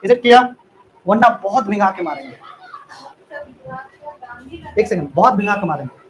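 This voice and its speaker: A male teacher lecturing a class in a classroom, teasing students and drilling them with quick repeated questions. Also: high-pitched, animated, muffled recording, slight background noise.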